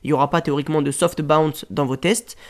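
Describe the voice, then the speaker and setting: Casual French tutorial guy, slightly high voice, chatty and full of fillers. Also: fairly even intonation, fast. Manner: casual, rambling explanations with frequent fillers. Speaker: WordPress tutorial host. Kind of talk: screen-share tutorial.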